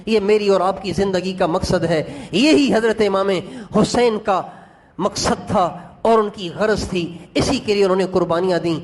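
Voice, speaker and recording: A man's voice: high-pitched, a little hiss or hum. A man preaching a sermon, telling an emotional religious story and speaking directly to his congregation.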